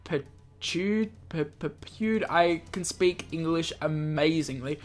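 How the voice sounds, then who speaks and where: A let's play host reads a visual novel aloud slowly, tripping over words and tossing in offhand jokes. His voice is medium-pitched, with faint music playing behind.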